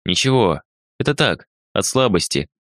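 A man's voice: fairly low pitch, sing-song, normal speed, a bit bright, dry recording, clean studio sound. A man voicing a wounded young man who speaks coldly and curtly. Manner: cold, curt.

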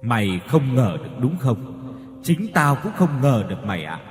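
Male reader doing a wronged young man's ghost, bitter and grieving, lively pitch, long reverb, faint music underneath. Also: normal speed, close to an everyday voice. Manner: bitter, grieving, teeth-gritting.

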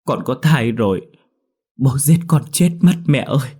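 A man's voice: medium pitch, lively intonation, a little slow, warm tone, slightly rough, pitched above the performer's own voice. A man voicing a frightened young village woman who is crying and stammering. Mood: sobbing. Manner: sobbing, stammering.

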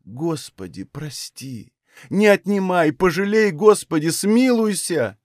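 A man doing a hushed, grieving young mother. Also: on the high side, animated, a little slow, no echo, studio quality, voice pushed up. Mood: praying. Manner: hushed, tender, pleading.

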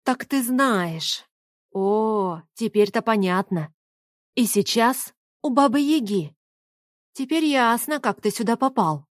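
A woman's voice: on the high side, animated, takes it slowly, dry recording, clean studio sound. A woman reading an audiobook, voicing a spirited, teasing young woman with a mocking, bossy manner.

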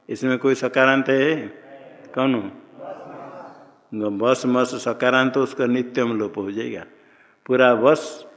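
Man, grammar teacher, unhurried questioning delivery, reverberant hall. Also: mid-range voice. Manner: quizzing students, slow and deliberate. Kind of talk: classroom grammar lesson with questions.

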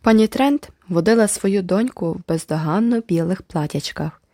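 A woman narrating a novel in a measured storytelling voice. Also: on the low side, mellow, dry recording, clean studio sound. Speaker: audiobook narrator. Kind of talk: scripted narration.

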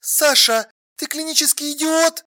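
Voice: high voice, normal speed, pitched above the performer's own voice. An audiobook reader voicing an exasperated adult woman on the phone, insistent and demanding. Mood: furious. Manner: insistent, sharp, then drained and flat. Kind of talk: audiobook dialogue.

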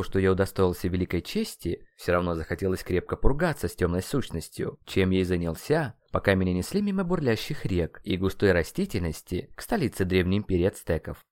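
A man's voice: deep voice, darkish tone, no echo, studio quality. A man narrating a first-person audiobook with a wry, ironic tone.

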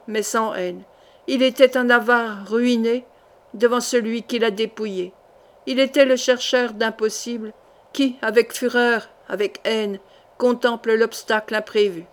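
List: woman, audiobook narrator, adventure novel, measured expressive reading, fairly high voice. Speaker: audiobook reader.

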